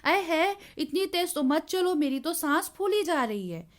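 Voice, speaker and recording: A woman's voice: very animated, slow pace, exaggerated voice. A woman voicing a frightened female kite that cries out for help in a storybook lesson. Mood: scared, pleading. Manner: high, cries out in alarm.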